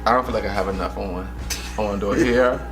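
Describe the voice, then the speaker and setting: A man's voice: fairly low pitch, fast talker. A giggly, drunk-sounding man vlogging in casual, playful chat, rambling and repeating himself. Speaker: vlogger doing a drunk makeup challenge. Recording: music playing behind the voice.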